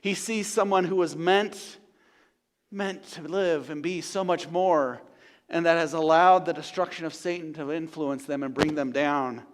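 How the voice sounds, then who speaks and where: High-voiced man preaching a sermon. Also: steady tone. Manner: builds to loud repeated declarations, then drops to a hushed, slow delivery. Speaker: pastor. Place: church sanctuary.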